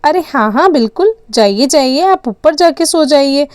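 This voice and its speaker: A woman's voice: sits high, lively intonation, moderate pace, darkish tone, no room sound, studio quality. A woman narrating a doll story and voicing the mother, in a chatty, motherly, warning tone. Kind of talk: doll story role-play.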